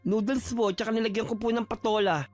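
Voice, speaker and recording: A man voicing a gentle, devoted son who speaks softly and politely to his mother. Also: high voice, steady tone, a little fast, soft background music, natural voice. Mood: tender. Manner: soft, polite, tender. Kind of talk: audio drama acting.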